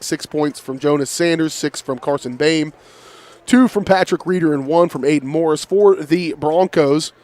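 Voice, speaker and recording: A Midwestern man hosting a postgame sports wrap-up, running through scores and stats as his voice goes hoarse. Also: a little high. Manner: brisk, rattles off scores and stats. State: voice going hoarse. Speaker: play-by-play announcer.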